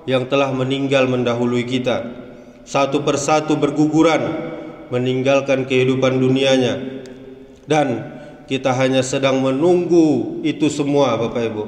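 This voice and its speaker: A man giving a dawn sermon in a large mosque, speaking in measured phrases and lifting some lines into a chanting lilt. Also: medium pitch. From West Sumatra, Indonesia. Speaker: preacher. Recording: echoey hall with long reverb.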